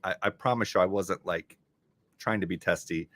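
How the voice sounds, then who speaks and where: A man's voice: low voice, normal speed, fairly bright tone, no echo. A man hosting a casual live stream, reading crossword clues aloud and chatting about them as he goes.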